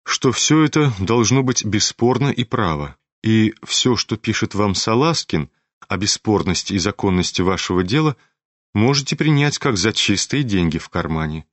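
A man reading a measured businesslike moneylender. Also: lowish voice, animated, dry recording. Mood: matter-of-fact. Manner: measured, matter-of-fact.

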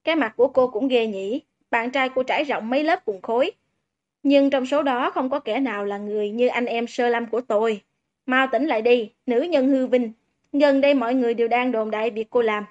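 A woman voicing a loud, brash male schoolboy who fires off insults rapidly, in a dull lo-fi recording. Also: on the high side, close to an everyday voice. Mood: brash, insulting.

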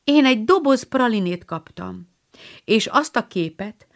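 A woman's voice: on the high side, lively intonation, gravelly, voice pushed up. A woman voicing a chirpy little sister. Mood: proud. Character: proud little youngest sister.

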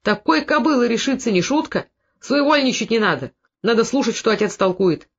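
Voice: mid-range voice, animated, a little fast, lo-fi sound, voice pushed up. A reader putting on a breathless, furious old grandfather. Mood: indignant. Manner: shouting, scolding. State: short of breath. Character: angry old Cossack grandfather, short-winded.

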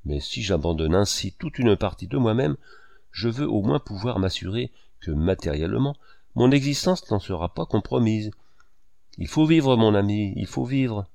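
Man voicing a cool, calculating young woman from a storybook reading, low gravelly voice, lively rises and falls, dry close sound. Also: normal speed, dry recording. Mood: musing. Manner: nervous, pleading then cool.

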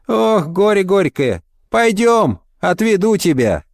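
A man's voice: sits high, sing-song, slow pace, creaky, no echo, studio quality, voice pushed up, exaggerated voice. A man voicing a kindly, fussy old watchman who chatters and exclaims.

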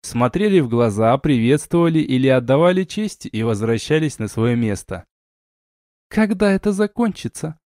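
A man narrates a first-person fantasy audiobook, his voice sitting at an ordinary middle pitch. He reads in a lively, ironic way. The studio sound is close and completely dry. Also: moderate pace, few pauses, dry recording.

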